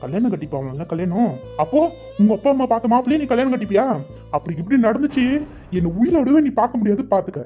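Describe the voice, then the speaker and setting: A woman's voice: medium pitch, animated, normal speed, lo-fi sound, soft background music, natural voice. A woman voicing a young man who pleads with and scolds his girlfriend in a cartoon. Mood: angry. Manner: pleading, then sharp and threatening. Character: young man, pleading and hot-tempered lover.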